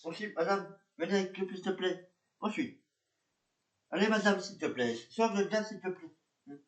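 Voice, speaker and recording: A man with a fairly high voice narrates and plays a police officer in an amateur reenactment. He speaks hesitantly, repeating himself and using many fillers. The room around him sounds echoey. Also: moderate pace.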